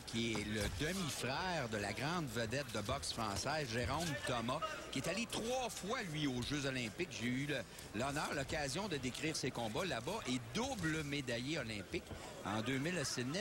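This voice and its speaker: A male analyst gives background during live boxing coverage. His mid-pitched voice competes with very loud noise from the venue. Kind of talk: live sports commentary, recounting fighters' records. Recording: very noisy arena broadcast.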